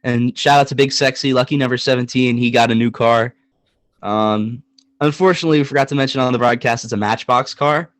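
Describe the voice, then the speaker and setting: A man's voice: medium pitch, fairly quick, no room sound. Joking young man co-hosting a sports podcast. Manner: animated, joking, emphatic repetition. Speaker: podcast co-host. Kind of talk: casual sports podcast chat.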